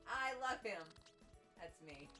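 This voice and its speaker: A woman's voice: mid-range voice, expressive, takes it slowly, bright, forceful tone. A woman co-hosting a gaming stream with casual, irreverent, joking banter. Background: music.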